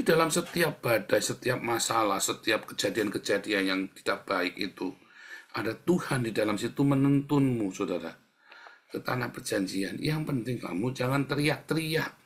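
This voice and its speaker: A middle-aged male pastor preaching a sermon in a casual, conversational way, often calling the listeners "saudara" and acting out quiet, whispered prayers. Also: mid-range voice. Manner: casual colloquial Indonesian preaching.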